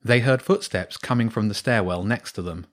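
A man narrating a children's storybook in a steady, clear reading voice. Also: fairly low pitch, normal speed.

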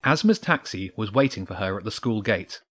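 A man narrating a children's storybook in a steady, measured read. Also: on the low side.

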